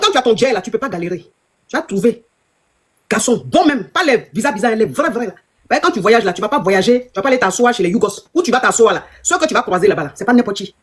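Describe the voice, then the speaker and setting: A woman's voice: mid-range voice, slightly rough. A woman with an Ivorian French accent, a life coach giving emphatic, repetitive, scolding advice to her followers in a live talk.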